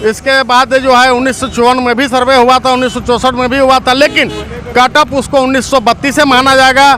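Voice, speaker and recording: At a road junction outdoors, a man with a Jharkhand accent, an activist and movement leader, gives an earnest, speech-like political interview. His very high-pitched voice is flat and a little fast, and loud traffic and vehicle noise fill the roadside recording.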